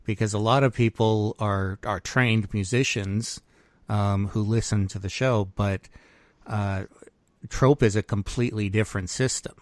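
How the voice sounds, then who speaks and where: A man's voice: on the low side, steady tone, unhurried, no echo. A man hosting a podcast interview, asking questions in a hesitant way with many fillers. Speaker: podcast host. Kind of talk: casual interview.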